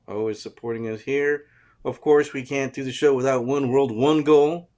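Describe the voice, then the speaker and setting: A man's voice: medium pitch, fairly even intonation, moderate pace, darkish tone. Easygoing man greeting viewers on a podcast. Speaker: co-host. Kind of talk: casual podcast chat.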